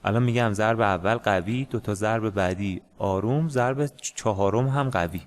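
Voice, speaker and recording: A man teaching a music lesson in a casual, hesitant way, with many pauses and fillers. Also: fairly low pitch, slight background noise. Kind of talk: casual screen-share lesson.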